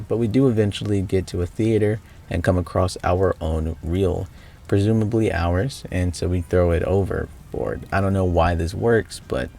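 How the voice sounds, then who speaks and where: A man reading scripted game analysis narration in a measured, explanatory way. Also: deep voice, vocal fry, mellow. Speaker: video narrator.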